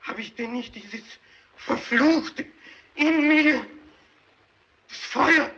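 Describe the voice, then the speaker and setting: Haunted killer, high and bright, slow broken pleading, dull early film sound. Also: male voice, vocal fry, exaggerated voice. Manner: desperate, broken, rising to frantic screams. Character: hunted, tormented male child killer pleading before a mob. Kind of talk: 1930s film drama acting.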